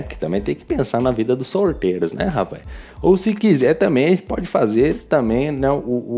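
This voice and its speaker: A man's voice: medium pitch, mellow, slightly rough. Teasing Brazilian man recapping races. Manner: teasing, chatty, addresses drivers directly. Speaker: podcast host recapping a sim racing league. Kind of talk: casual joking race recap.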